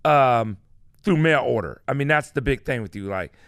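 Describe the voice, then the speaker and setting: A man's voice: mid-range voice, expressive, moderate pace, a loud crowd. A man co-hosting a radio show, asking questions in a chatty, stumbling way. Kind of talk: casual interview.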